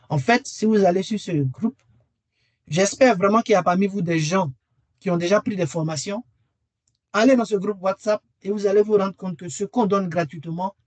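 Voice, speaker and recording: High-voiced man pitching a webinar course. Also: no echo. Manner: earnest and persuasive, repeats key phrases. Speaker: webinar presenter and AI trainer.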